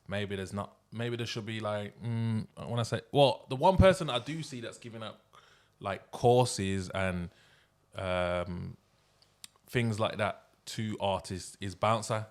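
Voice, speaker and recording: A man's voice: on the low side, unhurried. A man hosting a casual interview, using informal slang and often checking he is understood. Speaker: interview host.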